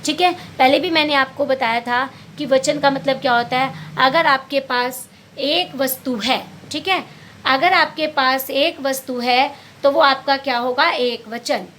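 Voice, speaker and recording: A woman's voice: high-pitched, measured pace, a bit bright, slight background noise. A woman teacher explaining a Hindi workbook lesson to young pupils, patiently asking questions and answering them herself, calling them beta. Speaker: primary school teacher.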